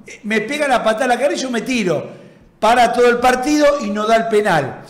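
A man's voice: very high voice, animated, a little fast. A man with an Argentine accent, a former footballer, telling an anecdote animatedly and laughing often. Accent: Argentine Spanish. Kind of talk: storytelling anecdote in conversation. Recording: roomy echo.

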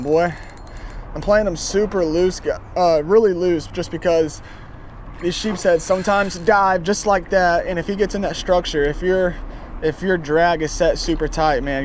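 Young man, eager outdoor vlogger, slightly high voice, action-cam sound with faint water noise behind. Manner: excited, chatty, says man and guys a lot. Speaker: fishing vlogger. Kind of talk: casual outdoor vlog commentary. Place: kayak on open water under a bridge. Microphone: action camera on chest and pole.

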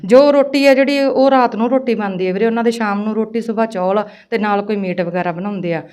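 Fast-talking Punjabi woman telling her story. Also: medium pitch, darkish tone, clean tone. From Punjab, India. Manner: fast, earnest storytelling, often addressing the host as brother. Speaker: interview guest recounting work abroad. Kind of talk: emotional personal account in casual Punjabi.

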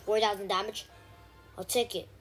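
A woman giving casual gameplay commentary, chatty with frequent ums and sudden excited shouts. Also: mid-range voice, moderate pace, soft background music. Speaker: gaming channel host.

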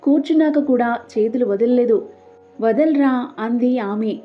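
Storytelling woman with soft music behind. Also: on the high side, normal speed. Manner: reads all parts herself with soft dialogue. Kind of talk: audiobook story narration. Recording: dull lo-fi with soft background music.

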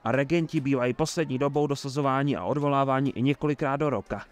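A man's voice: medium pitch, pitched above the performer's own voice, lightly acted. A man doing a sly jovial old mayor. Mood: sly, hearty. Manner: effusive, sly and talkative. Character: jovial scheming male town mayor, older.

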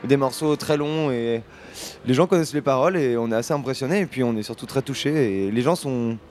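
The band's singer-lyricist, a man in his thirties, fields interview questions with hesitation and plenty of restarts, speaking a little fast in a mid-range, slightly mellow voice. The host holds a handheld radio mic in the festival booth, where a sponsor backdrop stands behind and there's slight background noise.

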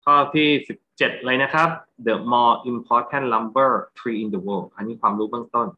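A man's voice: medium pitch, measured pace. Thai man explaining grammar, slightly lo-fi. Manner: explanatory, asks rhetorical check questions. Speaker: English grammar teacher. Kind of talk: classroom lecture, explaining exam answers.

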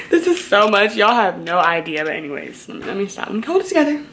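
A woman's voice: mid-range voice, very animated, fairly quick. Chatty young woman vlogging to her camera. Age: young adult. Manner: chatty, talks straight to viewers, trails off with fillers. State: out of breath. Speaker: law student vlogger. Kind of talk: casual vlog chat. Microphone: on-camera mic.

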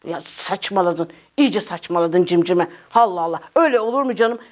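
A woman's voice: on the low side, expressive, fairly quick. A woman puppeteer in a children's show, talking to her puppet in a patient but exasperated, teacher-like way and turning to address the children.

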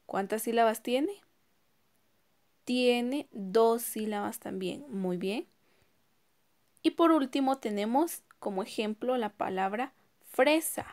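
A slow-paced woman teacher speaks in a fairly high voice. She breaks words into syllables one at a time and asks her pupils questions as she goes. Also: darkish tone. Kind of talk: recorded online class.

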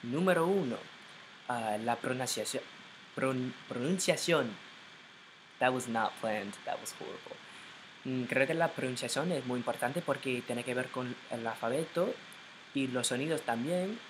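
A young American man talks casually to his laptop's mic at home in Spanish, his native English underneath. His voice sits at an ordinary middle pitch, and he hesitates constantly, cutting off words and starting them over. A faint hiss runs under the recording. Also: measured pace. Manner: hesitant, stumbling restarts and self-corrections. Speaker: vlogger. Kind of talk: casual learner's vlog in Spanish.

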